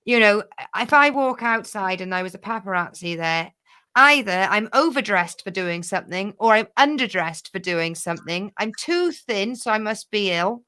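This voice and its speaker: A woman's voice: medium pitch, expressive, moderate pace, sharp tone, smooth. A woman co-hosting a chat show, frank and wry in manner. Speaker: co-host. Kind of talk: casual chat.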